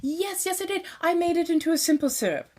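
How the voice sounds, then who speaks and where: A woman chats with live stream viewers in a showy vampire persona, using a put-on 1700s colonial transatlantic accent, fancy phrasing, and frequent "darling." Her voice is very high-pitched, animated, a bit mellow, and quick.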